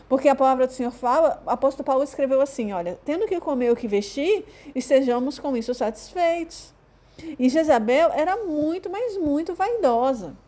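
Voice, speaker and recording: Brief: Brazilian woman, high voice, informal Bible teaching with halting fillers. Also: mellow. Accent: Brazilian Portuguese. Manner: conversational, hesitant with fillers, acts out quoted voices. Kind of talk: informal sermon.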